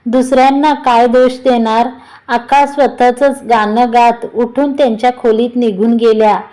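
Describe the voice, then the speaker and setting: Woman narrator for a story reading, high pitch, mellow tone. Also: steady tone, normal speed, low-quality recording.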